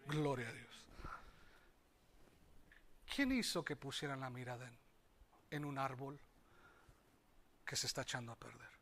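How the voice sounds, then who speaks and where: A man with a Mexican Spanish accent preaching a sermon, swinging between loud exclamations and quiet asides and calling on the congregation to repeat after him. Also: mid-range voice, unhurried, pauses often, slight background noise. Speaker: pastor.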